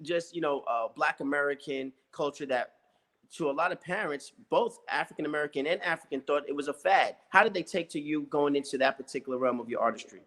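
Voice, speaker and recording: A male interviewer with a voice a touch higher than most men's works his way through long questions. He stops and restarts often, filling the gaps with "you know" and "uh" while he talks casually. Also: brisk, fairly bright tone. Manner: rambling, hesitant questions full of "you know" and "uh".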